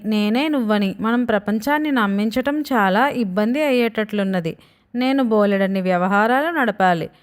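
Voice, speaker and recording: A woman's voice: fairly high pitch, natural voice. A woman voicing a stern middle-aged father, now in his young son's body, who talks indignant and complaining.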